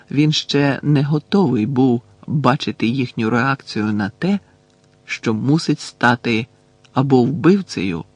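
A male audiobook narrator with a mid-pitched voice, reading in a measured, even way. He slows down on dramatic lines, and the recording is dry and close with no room sound. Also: slightly rough, dry recording.

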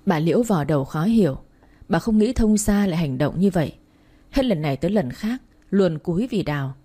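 A woman reading a story aloud in a steady, even narration, voicing each character's lines herself. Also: lowish voice, brisk.

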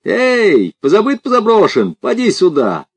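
A rowdy young village lout, shouting and mocking in a raised, pitched-up voice, as a man reading a novel puts him on. He taunts passers-by with swaggering menace. The recording is dry and close. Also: huge pitch swings, unhurried, husky, no room sound, full character voice. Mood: jeering.

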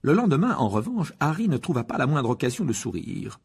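A man's voice: mid-range voice, very animated, a little fast, vocal fry, a little mellow, husky. A man reading a children's novel aloud as an audiobook narrator, telling the story expressively. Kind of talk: scripted narration.

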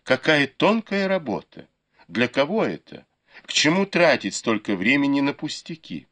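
A cheerful young lady teases lightly and quickly, voiced by a man reading the tale. Her intonation bounces up and down as she talks. She sounds like a character in a storybook reading. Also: medium pitch, sing-song, a bit bright, husky, pitched above the performer's own voice, exaggerated voice. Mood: teasing, lively. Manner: light, teasing.

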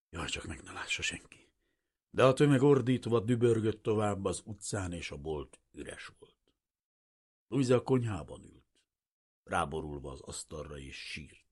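Deep husky male audiobook narrator. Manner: grave, measured, dramatic.

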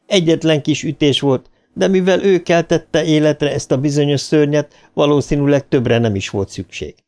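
A man reading a horror novel aloud as an audiobook narrator, with dramatic lifts of pitch at tense moments. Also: a little mellow.

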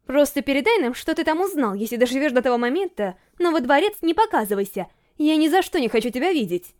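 A woman voicing a stubborn, sharp-tongued young princess, scolding and indignant in an audiobook reading. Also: sits high, sing-song, fast talker. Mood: angry.

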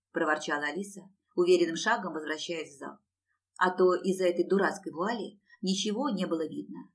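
A woman's voice: mid-range voice, recorded from a distance. A woman reading a fantasy novel aloud as an audiobook, giving the characters voices as she goes. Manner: reads with acted character voices. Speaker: audiobook narrator. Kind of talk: scripted narration of a fantasy novel.

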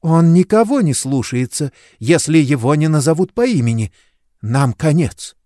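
A man's voice: on the high side, expressive, normal speed, dark tone, no echo, clean studio sound, pitched above the performer's own voice, lightly acted. A man voicing a scheming, haughty princess with a silky, commanding manner. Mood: imperious.

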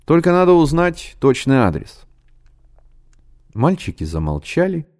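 A man reading a novel aloud as narrator, in an expressive storytelling manner. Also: sits low. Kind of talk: scripted narration.

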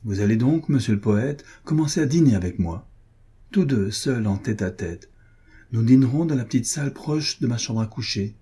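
A man's voice: medium pitch, expressive, moderate pace, mellow, husky. A man voicing a young, devout duchess in love, in a pleading, earnest tone. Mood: playful affectionate.

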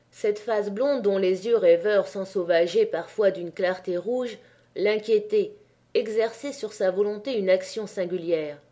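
A woman narrating a classic novel as an audiobook, in a measured, expressive way. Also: mid-range voice. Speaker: audiobook reader.

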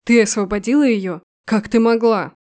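A woman voicing a furious male general who speaks low and strained, as in a growl, in a storybook reading. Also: steady tone, moderate pace, a little mellow, lightly acted.

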